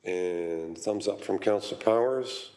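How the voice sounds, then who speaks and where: A man serving as mayor, chairing a city council meeting in a measured way with frequent pauses and fillers. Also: low-pitched, dark tone. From Canada.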